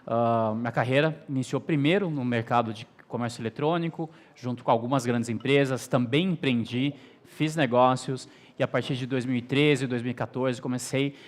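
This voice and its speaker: A man's voice: medium pitch, moderate pace, few pauses. Brazilian man giving a business talk. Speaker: guest speaker. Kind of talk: stage presentation.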